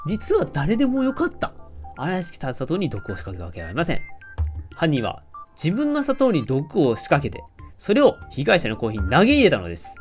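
A man with a Kansai accent streams a mystery game, reading out the characters' lines in turn. His delivery is playful and lively, with pitch swinging widely. Faint game music plays under his voice. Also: a little fast. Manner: playful, animated, jokes with the game and often laughs. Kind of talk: let's-play commentary reading character lines.

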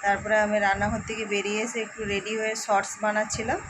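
A woman's voice: medium pitch, little pitch movement, fast talker, background noise. A woman from India in casual daily vlog chat, tired from the heat, giving a running commentary on her chores at home. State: hot and tired. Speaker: vlogger. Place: home kitchen and rooms.

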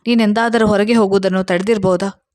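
A woman reading a storybook voices a cheerful, sensible young friend who asks pointed questions in a brisk, half-amused way. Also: mid-range voice, steady tone, a little mellow, natural voice.

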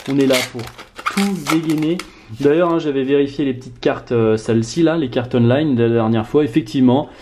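A man vlogging at home as he opens trading card packs, talking casually and swinging between low mutters and loud excited outbursts. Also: a little hiss or hum. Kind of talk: casual card-opening vlog. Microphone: camera mic on tripod.

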